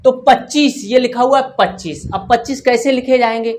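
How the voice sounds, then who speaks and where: Woman, primary math lesson, patient repetitive counting, slightly high-pitched voice. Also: normal speed, a little mellow. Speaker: primary school teacher. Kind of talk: workbook math lesson for children.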